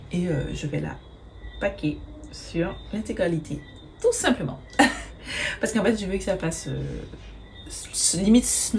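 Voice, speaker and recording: A woman's voice: fairly low pitch, gravelly, darkish tone, slight background noise. Chatty woman doing a makeup tutorial. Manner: chatty, hesitant with many fillers, swears casually. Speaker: beauty vlogger. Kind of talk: casual makeup tutorial chat.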